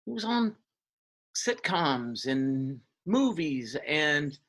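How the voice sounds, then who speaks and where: A man, talking as an interview guest and reminiscing in a halting way, with many fillers and restarts. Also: on the high side, sing-song, fairly bright tone. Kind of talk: casual interview.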